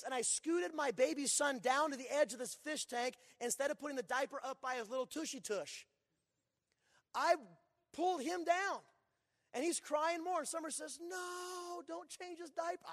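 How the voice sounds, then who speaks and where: A man in his forties preaching a sermon in a church, telling folksy stories and swinging from loud to hushed. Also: very high voice, normal speed. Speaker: pastor. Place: church sanctuary. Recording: long church reverb.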